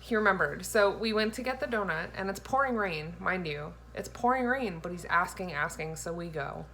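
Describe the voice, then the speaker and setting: On the low side and animated, her voice has a sharp tone and a normal speed. The speaker is a woman in her thirties hosting a casual vlog from her home kitchen, giggling playfully as she chats and tells stories to camera. She records on a phone at arm's length, with faint background noise.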